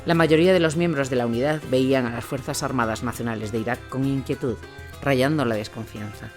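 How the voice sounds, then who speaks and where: A man narrates an audio drama, reading scripted documentary-style war narration over a music bed. His medium-pitched voice is brisk and darkish in tone.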